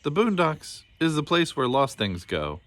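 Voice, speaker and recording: For a storybook, a man voices a cheerful, forgetful old man who runs a land of lost things, folksy and absent-minded. He pushes his voice up on the high side, the pitch swooping wildly while the pace stays measured.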